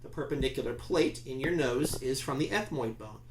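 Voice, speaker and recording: A man's voice: medium pitch, normal speed, roomy sound, background noise. A man teaching a class in a conversational, emphatic lecture style, often asking his listeners questions.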